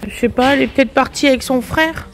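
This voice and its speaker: A woman's voice: sits high, quick pace, soft background music. A woman vlogging casually at home, chatting and talking in sing-song baby talk to her son. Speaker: vlogger, mother. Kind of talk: casual home vlog chat.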